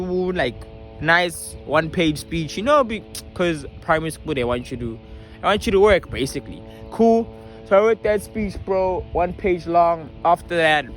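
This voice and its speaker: Young man, vlogger, slangy, stutters, lively storytelling, faint music behind. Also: fairly high pitch. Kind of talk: casual storytelling to camera.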